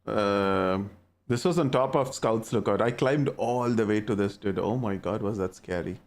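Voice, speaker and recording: Reacting to messages from his live-stream audience, a young man from India talks casually in an Indian accent. He speaks at a moderate pace in a lowish, gravelly voice.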